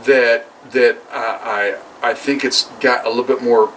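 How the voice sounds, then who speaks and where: A man's voice: mid-range voice, steady tone, a little slow, fairly bright tone. A man co-hosting a casual podcast chat over drinks, joking and laughing often. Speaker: podcast co-host. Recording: distant mic with noisy background and clicks.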